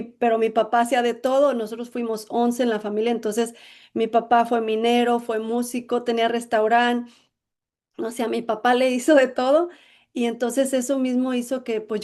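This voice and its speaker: A middle-aged woman from Jalisco speaks with a Mexican accent as an interview guest. Her voice sits a little high, and she talks reflectively about her own life, often pausing on fillers like "bueno, pues". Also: darkish tone. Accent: Mexican Spanish. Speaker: interview guest, emotional intelligence coach. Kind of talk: personal life story in interview.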